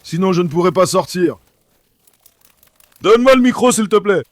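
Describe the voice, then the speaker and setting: A man's voice: sits high, animated, normal speed, no echo, studio quality. A young man vlogging casually from his backyard pool, calling and coaxing his dogs with affection. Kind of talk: casual vlog chat.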